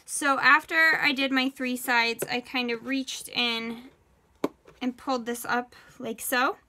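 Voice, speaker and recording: A woman's voice: on the high side, fairly even intonation, slow pace, sharp tone, slight background noise. A woman presenting a craft tutorial for children as an art teacher, in the cheery manner of a kids' host.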